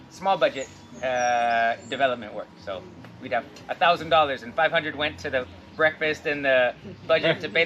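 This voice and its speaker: Outdoors on his farm, a man from Portland, Oregon, gives a casual guided tour and tells his life story as a cacao farm owner. He's relaxed and rambling, with frequent fillers, and his mid-range voice comes through lo-fi sound with slight background noise.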